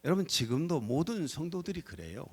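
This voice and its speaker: Man preaching a sermon, pastor, lively rising and falling pitch, slightly high voice, animated delivery. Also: brisk, husky. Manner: animated, acts out quoted lines with shifts in pitch and loudness. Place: church sanctuary.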